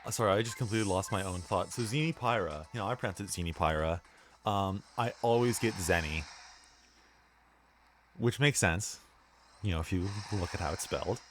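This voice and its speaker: A young man with a low voice talks briskly as a let's play host, rambling about his gameplay in a laid-back way full of fillers. Faint music plays behind him.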